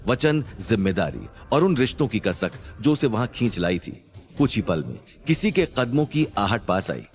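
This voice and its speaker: A man narrating a suspense story in a scripted, dramatic storytelling manner. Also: mid-range voice.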